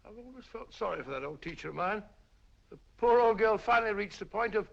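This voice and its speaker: A bluff, hearty doctor with a high, gravelly, husky voice, heard on a dull old film soundtrack. He is a good-natured sidekick who talks in a warm, chummy way. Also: lively intonation, brisk, full character voice. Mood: chatty. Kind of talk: 1940s film acting.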